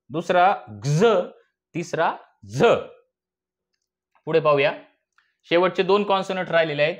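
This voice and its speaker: Male teacher, Marathi accent, very slow and deliberate, spells words out letter by letter, quizzes the class and answers himself. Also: on the high side, fairly bright tone, lo-fi sound. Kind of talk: slow phonics lesson.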